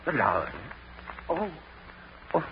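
Pompous, indignant crook with swooping pitch. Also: male voice, sing-song, slow pace. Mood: mock-polite, evasive. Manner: pompous, mock-courteous, protesting. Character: indignant, pompous male arsonist posing as respectable citizen. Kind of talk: old-time radio crime drama acting. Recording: dull, noisy old radio recording.

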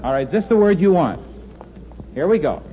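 A man's voice: on the high side, very animated, a little fast. A man hosting an old radio quiz show in a joking, coaxing way, heard from an old broadcast disc recording. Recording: dull lo-fi old radio disc with faint hiss.

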